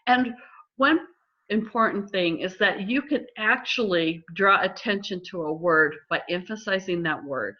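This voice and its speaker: A middle-aged woman counselor explaining listening skills in a calm, measured way during a conversation. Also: mid-range voice. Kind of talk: instructive conversation. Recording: slightly dull lo-fi audio.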